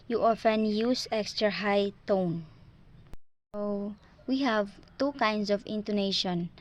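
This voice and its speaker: A woman's voice: mid-range voice, darkish tone. A woman with a Filipino accent giving a class presentation, switching between English and Filipino as she explains step by step. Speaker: student presenter.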